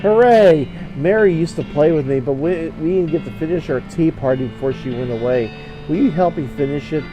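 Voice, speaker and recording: A man's voice: on the high side, fairly quick, music in the background, natural voice, rough recording. A man voicing an eager, sweet little girl porcelain doll in a childlike, sing-song talking-doll voice, reading game dialogue. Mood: gleeful.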